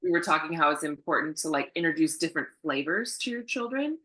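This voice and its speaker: Woman, 30s, host, emotive, animated, bright tone, lowish voice. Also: fast talker, low-quality recording. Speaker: host, acupuncturist. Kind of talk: casual interview chat.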